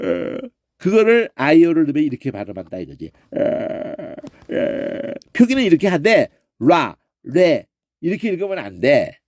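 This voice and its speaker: A middle-aged man giving an informal pronunciation lesson, demonstrating sounds aloud and checking in with quick questioning grunts. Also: a little high, big pitch swings, a little mellow, no echo, clean studio sound. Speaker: Bible language teacher.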